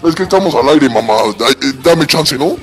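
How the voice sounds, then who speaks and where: A man hosts a comedy radio skit and talks in a playful, joking manner. His voice sits a bit high. Faint music plays underneath. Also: animated, moderate pace. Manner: playful, laughing.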